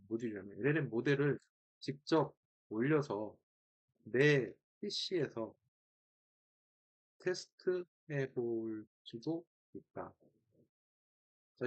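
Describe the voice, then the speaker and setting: In a dull-sounding recording, a man with a husky, medium-pitched voice gives a casual screen-share demo. He thinks aloud as he walks through the steps, speaking in short fragments and repeating the key words.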